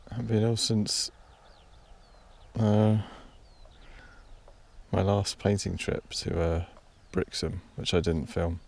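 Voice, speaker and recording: Deep gravelly british guy rambling on a hillside vlog, kinda tired. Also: a little mellow. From Britain. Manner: rambling, self-deprecating, tired. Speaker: painting vlogger. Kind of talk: casual vlog narration. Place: outdoors on a mountain.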